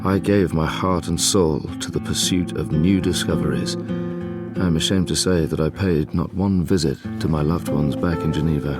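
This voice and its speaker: An actor playing Victor Frankenstein, an obsessed, haunted young scientist, speaking with formal, literary intensity in an audio drama. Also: male voice, a bass voice, steady tone, moderate pace, loud music behind the voice. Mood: grave, reflective. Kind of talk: audio drama acting, first-person narration and dialogue.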